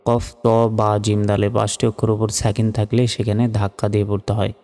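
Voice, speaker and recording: Male teacher, low and even, unhurried lesson delivery, long reverb. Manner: slow, drawn-out Arabic recitation between Bengali explanations. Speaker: religious teacher. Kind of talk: recitation lesson. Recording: reverberant with faint music. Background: faint music.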